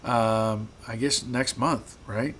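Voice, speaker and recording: Here the host, a man streaming live from his garage, responds to comments with an easygoing, stop-start delivery and repeated words. His pitch sits in the middle, growing rough the longer he talks, with a little hiss or hum underneath.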